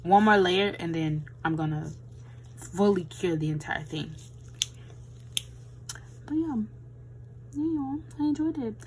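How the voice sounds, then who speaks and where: Tired, slow-talking young woman vlogger. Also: medium pitch, expressive, a little hiss or hum, poor audio. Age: 20s. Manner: chatty, rambling, says "y'all". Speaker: beauty vlogger. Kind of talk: casual chat while swatching nail gels.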